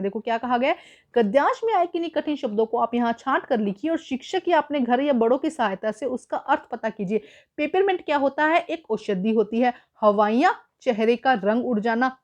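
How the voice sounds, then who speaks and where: A woman's voice: high-pitched, a little mellow, muffled recording. A woman teacher patiently explaining a school worksheet, mixing English words into her explanations.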